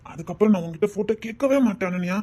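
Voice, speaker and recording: In a Tamil web drama, an actor plays a scheming boyfriend on a phone call, a smooth-talking young man who is a manipulative, greedy blackmailer, using a Tirunelveli accent. Sweet-talking, he coaxes and presses insistently, repeatedly asking "understand?" His high-pitched, very fast voice stays hushed and close, barely above a murmur.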